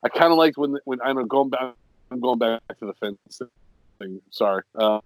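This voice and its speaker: A man guesting on a podcast from his basement, talking in halting casual chat with a stuffed-up nose. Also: medium pitch, expressive, no room sound, poor audio. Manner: halting, restarts often. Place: home basement.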